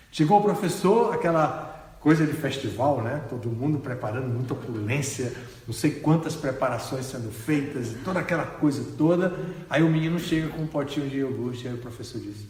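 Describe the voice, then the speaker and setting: A swami tells a sermon story in an animated voice, leaving expressive pauses. His voice sits fairly high for a man. The recording carries a long, roomy hall reverb. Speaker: swami giving a lecture. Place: ashram hall.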